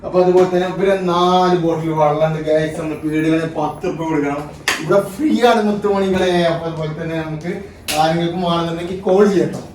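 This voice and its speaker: An excitable man with a slightly high voice chats casually to his vlog viewers. He mixes English slang words into his Malayalam and repeats catchphrases. The recording is a noisy handheld one. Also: fast talker. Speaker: vlogger. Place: hotel room and surroundings, on the move. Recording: noisy handheld vlog, ambient background noise.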